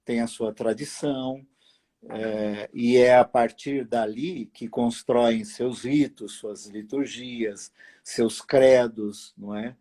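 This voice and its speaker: A man hosting a late-night live video chat from his apartment, speaking slowly and deliberately with long pauses and fillers. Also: medium pitch, steady tone, mellow. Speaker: host. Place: apartment at home.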